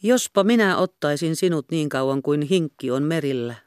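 A female reader doing a stern young sea captain, rough and curt, pitched low and held back. The storybook recording sounds dry and close. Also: expressive, darkish tone, no room sound. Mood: gruff.

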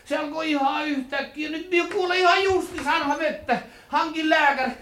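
A man's voice: extremely high pitch, sharp tone, reverberant, recorded from a distance, slight background noise, voice pushed up. Wailing fake invalid, played by a man. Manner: wailing, moaning, overdramatic. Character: man faking agonizing stomach cramps, wailing. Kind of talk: 1950s radio drama acting.

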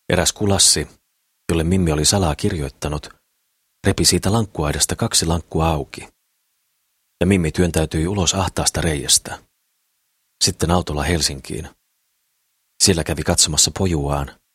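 A man narrating an audiobook in a calm, steady reading voice. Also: very deep voice, husky, no room sound, studio quality.

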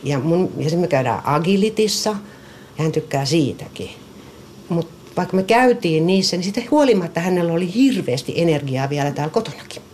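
A middle-aged woman chatting casually about her dog, lively and often stumbling over repeated words. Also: fairly low pitch. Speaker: dog owner interviewee. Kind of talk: casual personal storytelling.

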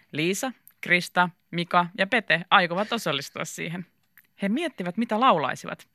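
A woman reading a children's story aloud in a lively, animated way. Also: fairly low pitch, no room sound.

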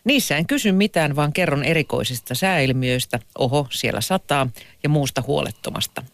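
A man reading newspaper columns aloud for a radio press review, lively and lightly humorous. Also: fairly high pitch, gravelly, dry recording.

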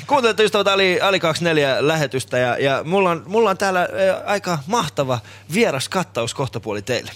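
A man's voice: fairly high pitch, big pitch swings, hardly any pauses, a bit bright. A man hosting a charity live broadcast, chatting casually with many fillers and laughs. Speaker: host of a charity live stream. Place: restaurant.

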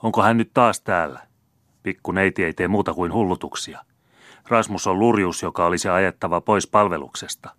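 A man's voice: deep voice, a bit bright, no echo, studio quality. A man voicing a grumbling, peevish old gardener in a storybook reading.

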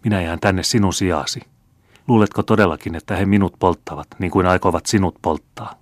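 A male narrator voicing a brave younger woman who gives hushed, quick instructions during a rescue. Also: low-pitched, no room sound, studio quality. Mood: tender.

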